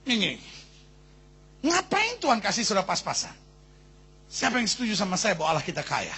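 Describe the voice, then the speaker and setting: Animated husky preacher man. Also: high voice, brisk. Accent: Indonesian. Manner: animated storyteller acting out characters, shouting at climaxes. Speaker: pastor. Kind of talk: sermon with humorous stories.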